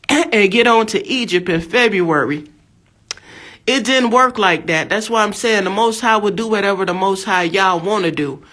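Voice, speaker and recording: Her voice is medium in pitch and a bit bright. She is an American in her fifties delivering a fervent preaching monologue, a religious testimony in which she exhorts emphatically and keeps repeating her phrases.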